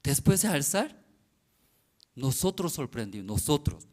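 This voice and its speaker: Man, pastor, sermon, lively swooping pitch, slow delivery, halting simple phrasing. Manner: dramatic, acts out scenes, shouts and drops to whispers. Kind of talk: sermon at a prayer service.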